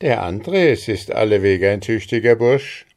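Sly elderly mayor, unhurried, voiced by a male narrator. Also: on the low side, animated, darkish tone. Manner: sly, slow.

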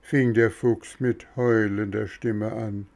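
A man reading a fairy tale aloud in a slow, deliberate way. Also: fairly low pitch, steady tone, gravelly, a little mellow. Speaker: storyteller.

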